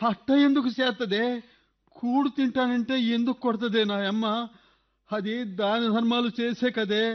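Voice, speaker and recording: A man's voice: extremely high pitch, steady tone, moderate pace. A man voicing a bewildered husband coaxing his weeping wife in a radio play. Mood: pleading. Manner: pleading, coaxing. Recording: dull lo-fi recording with faint music.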